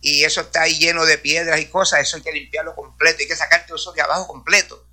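A man's voice: a little high, level tone, quick pace, pushed and bright. A man from Rico, giving a preaching testimony to a congregation and dropping hallelujahs and praise all through his talk. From Puerto Rico. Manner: peppers speech with hallelujahs and praise. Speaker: church speaker.

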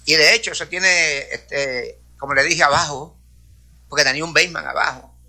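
A man speaks to a congregation in a testimony-style sermon, sprinkling hallelujahs and praise between his sentences. His voice sits high for a man, with a sharp, very bright edge. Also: normal speed. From Puerto Rico. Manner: peppers speech with hallelujahs and praise. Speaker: church speaker.

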